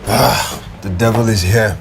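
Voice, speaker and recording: An actor playing an entitled, hot-tempered young heir who talks with smug sarcasm. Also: male voice, fairly low pitch, steady tone, a little slow, creaky, noisy background. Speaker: boss's son at a company.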